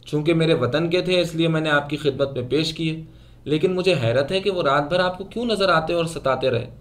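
A man's voice: a little high, lightly acted. A man playing a stammering lovesick shopkeeper. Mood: innocent. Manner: stammering, halting.

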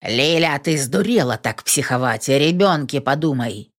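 A woman reading an audiobook, voicing a gruff, commanding grown man in a low voice. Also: expressive, normal speed.

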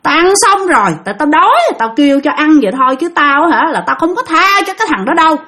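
Picture a vengeful old female spirit speaking through a possessed young man, voiced by a woman narrator. The voice sits far above normal, loud and piercing, with a strange, altered timbre. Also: sing-song, quick pace, exaggerated voice. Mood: mocking. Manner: shrill, menacing, shouting threats.

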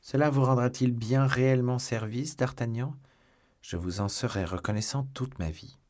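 A man's voice: mid-range voice, moderate pace, a little mellow, natural voice. A man voicing a refined, courtly musketeer who speaks politely and with reserve, in an audiobook reading.

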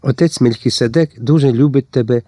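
A man's voice: medium pitch, brisk, mellow, no echo, studio quality, lightly acted. A man reading a stern Cossack otaman. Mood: tender. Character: stern Cossack otaman, young male leader.

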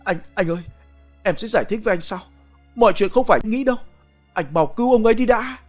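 A man's voice: high-pitched, quick pace, faint music behind, pitched above the performer's own voice. A man voicing a panicked, stammering young woman. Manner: stammering, pleading. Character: frightened young woman, mistress, pleading.

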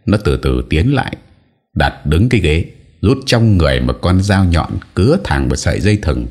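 A man's voice: deep voice, big pitch swings, normal speed, a little mellow, husky. A man narrating an audio story in a dramatic storytelling manner.

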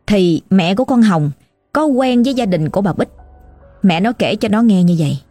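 A woman's voice: mid-range voice, darkish tone, breathy edge, dry recording. A woman with a Southern Vietnamese accent telling a ghost story in a chatty, dramatic way, speaking straight to the listener. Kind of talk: conversational ghost story narration.

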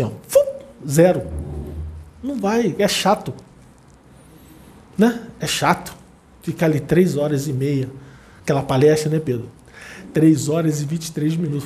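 A man with a Brazilian accent giving a chatty, casual talk to an audience, repeating words for emphasis. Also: a little high. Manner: chatty, repetitive, animated asides.

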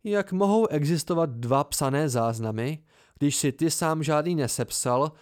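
A man's voice: on the high side, lightly acted. A man voicing a curious, prickly scribe in an amateur audiobook, terse and testy.

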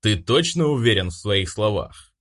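Audiobook: man doing a booming old clan patriarch, commanding. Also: very animated, normal speed. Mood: stern. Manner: booming, authoritative. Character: stern old aristocrat grandfather, clan head.

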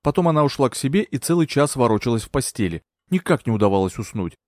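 A man reading a novel aloud as a narrator, expressive and dramatic. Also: medium pitch, fast talker, no echo, studio quality. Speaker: audiobook narrator. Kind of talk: scripted narration.

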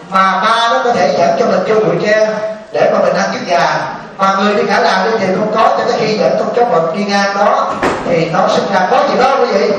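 High-voiced monk preaching in echoey hall. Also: male voice, slight background noise. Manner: storytelling, asks the audience questions. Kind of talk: sermon to a live assembly. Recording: echoey hall, distant mic.

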